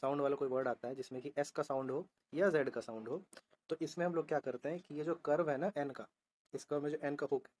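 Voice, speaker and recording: A man's voice: on the high side, quick pace. Man teaching shorthand step by step. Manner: steady teaching voice, spells out letters, asks and answers itself. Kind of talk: explaining a lesson on a board.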